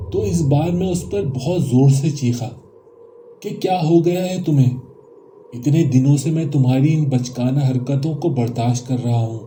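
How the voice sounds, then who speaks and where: A man reading a first-person horror story aloud in a calm, measured storytelling manner. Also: mid-range voice, a little hiss or hum.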